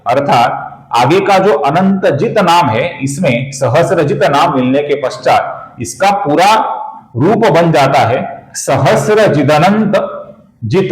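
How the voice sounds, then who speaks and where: Brief: male teacher, slightly high voice, patient pronunciation drills, chanting verses. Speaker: Sanskrit recitation teacher. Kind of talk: explanatory lesson with chanting. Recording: roomy echo.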